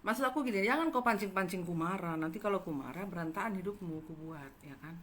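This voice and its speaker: A woman telling a gossipy story to her viewers, animated and dramatic, acting out the quotes. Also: fairly low pitch, quick pace, slight background noise. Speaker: channel host telling a story.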